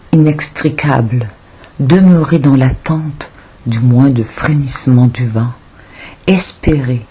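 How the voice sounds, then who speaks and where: As an audiobook reader, a woman recites poetry solemnly and deliberately, pausing as she goes. Her voice is breathy and husky, extremely low in pitch, and warm in tone.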